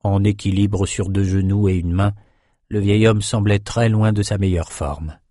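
A man narrating a fantasy audiobook in a measured, steady storytelling manner. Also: lowish voice, no room sound, clean studio sound.

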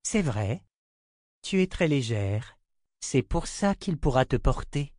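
A man reading the part of a gentle mother who calmly reassures her young daughter. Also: mid-range voice, takes it slowly, no room sound, clean studio sound, pitched above the performer's own voice. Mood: soothing. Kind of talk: audiobook character reading.

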